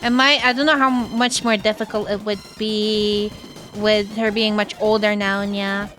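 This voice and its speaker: A woman livestreamer chatting casually with viewers in a cute, animated manner, often tagging her sentences with "yeah". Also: mid-range voice, unhurried, soft background music, rough recording. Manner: habitually tags sentences with a questioning or affirming "yeah"; casual swearing.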